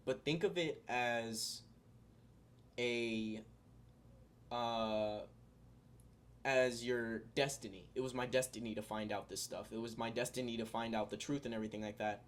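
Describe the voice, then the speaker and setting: This young vlogger has a medium-pitched voice with fairly even intonation, talking unhurriedly and pausing at length. Addressing viewers directly, he rambles through sincere spiritual reflections, stumbling over fillers and restarts.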